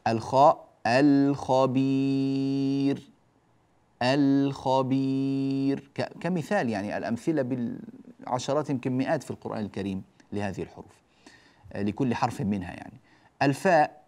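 A man teaching Quran recitation rules, stretching example words slowly and addressing his listeners directly. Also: medium pitch, lively intonation, a little mellow. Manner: addresses listeners directly, mildly scolding asides. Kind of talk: religious lesson explaining tajweed rules.

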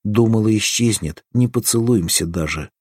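A man reading the part of an affectionate, teasing young village girl in an audiobook, lifting his voice into a bright pleading lilt. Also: on the low side, moderate pace, husky, no room sound, clean studio sound, voice pushed up. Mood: tender.

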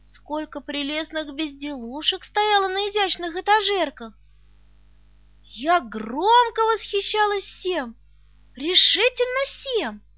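Woman reading an audiobook, high bright voice, expressive, dry close sound, faint music. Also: slow pace, dry recording. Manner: expressive first-person storytelling. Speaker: audiobook narrator. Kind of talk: scripted audiobook narration.

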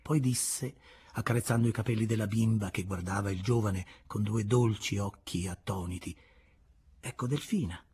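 Un uomo che legge ad alta voce un romanzo classico, con ritmo misurato ed espressivo, a tratti quasi sussurrando. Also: male voice, fairly low pitch, husky. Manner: measured, expressive, sometimes dropping to a whisper. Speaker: audiobook reader. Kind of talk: literary audiobook narration.

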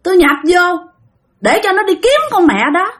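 Shrill mocking demon woman with a lilt, as a woman storyteller puts her on; swoops high and repeats her taunts. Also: sing-song, moderate pace, a bit bright, full character voice. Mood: taunting shrill. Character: shrill cackling female demon possessing a young woman.

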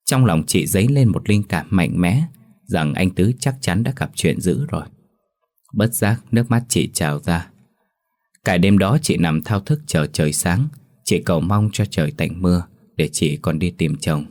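A man narrating a ghost story as a storyteller in a steady, measured reading. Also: low-pitched.

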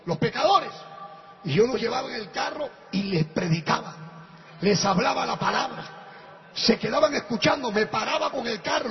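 A male pastor preaching a sermon, telling a testimony and building up to fervent shouting, with a gravelly voice. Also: extremely high pitch. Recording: muffled echoey hall with faint noise.

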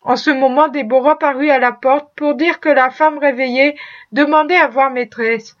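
A woman narrating a classic novel as an audiobook, in a measured, expressive reading. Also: high-pitched. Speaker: audiobook reader. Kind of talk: scripted narration. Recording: muffled lo-fi recording.

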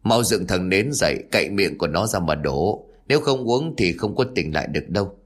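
A man playing a gruff old village exorcist. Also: low voice, animated, a little fast. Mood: stern. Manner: gruff, commanding.

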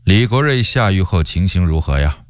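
A man voicing a cold, suspicious emperor in a radio story, speaking slowly with quiet menace. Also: low voice, lively intonation, no echo. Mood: stern. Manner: slow, cold, measured menace.

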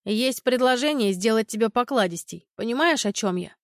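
A man's voice: very high-pitched, animated, moderate pace, a bit bright, no echo, clean studio sound, exaggerated voice. A woman playing a mocking, leering thug. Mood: mocking menace. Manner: mocking, menacing. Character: wiry, leering male thug, cruel and mocking.

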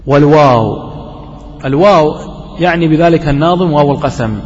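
A man teaching a classroom grammar lesson, quizzing his students and slowly repeating each example. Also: fairly high pitch, darkish tone. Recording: dull lo-fi recording with long reverb and faint noise.

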